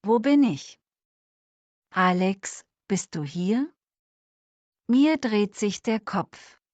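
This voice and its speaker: A woman's voice: medium pitch, expressive, very slow, a little mellow, no echo, muffled recording. A woman playing a frightened, dizzy young woman who begs to be let go, in a dramatized story for language learners. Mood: scared pleading. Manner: pleading and fearful.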